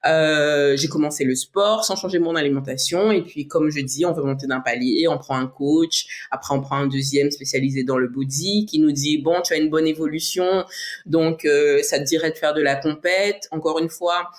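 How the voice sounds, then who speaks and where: A bodybuilding athlete from French Guiana is a guest on a casual podcast interview. She speaks at a normal speed in a low voice, reflective, with frequent fillers and restarts, and she laughs easily.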